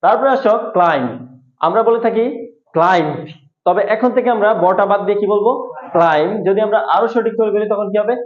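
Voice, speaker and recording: High-voiced teacher drilling pronunciation. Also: male voice, fast. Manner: repetitive quizzing questions. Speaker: English teacher. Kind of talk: classroom lesson, call-and-response drilling. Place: classroom at a board. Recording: echoey room, dull lo-fi sound.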